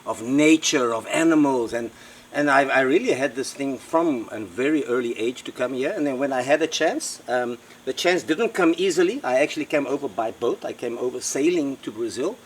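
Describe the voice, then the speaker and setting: A man's voice: medium pitch, normal speed, slight background noise. A middle-aged man from South Africa with a South African accent, telling his life story in a rambling way, repeating words and using many fillers. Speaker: interviewee, local host. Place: outdoors by a river in the Amazon.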